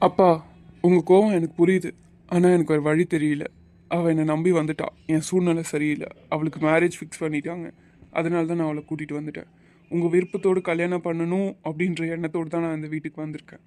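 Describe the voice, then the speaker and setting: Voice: mid-range voice, flat delivery, quick pace, warm tone, lightly acted. A performer voicing Arjun, a young man who talks in an earnest, reassuring way, for a cartoon. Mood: pleading. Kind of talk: cartoon voice acting.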